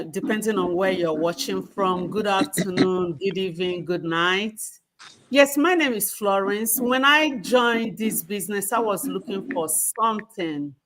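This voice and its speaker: A woman's voice: mid-range voice, fairly bright tone. A woman guest on a video call, giving an earnest, heartfelt personal testimony.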